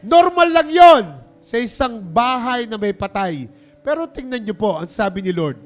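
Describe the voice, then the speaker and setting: A man's voice: very high voice, animated, moderate pace, faint music behind. A pastor preaching a sermon, calling out to the congregation and mixing English phrases into his talk. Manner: preaching with call-and-response, urging applause.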